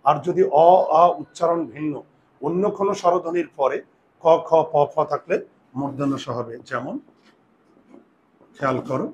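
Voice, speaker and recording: A man with a fairly high voice teaches a classroom grammar lesson, spelling out rules slowly and deliberately. He keeps turning to his students with short questions and tells them what to write down. Faint background noise runs under the recording. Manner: slow, deliberate dictation with repeated questions to students.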